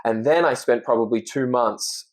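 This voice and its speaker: A man's voice: mid-range voice, normal speed, rough recording. A man in his thirties with an Australian accent, an actor talking earnestly and reflectively as a podcast guest. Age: 30s. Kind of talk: casual interview chat.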